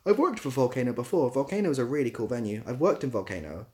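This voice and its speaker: Hosting a laid-back livestream, this ASMR creator and theatre assistant producer responds to viewers' comments in a loose, rambling manner, groping for the right words. He talks fast in a warm, expressive, mid-range voice.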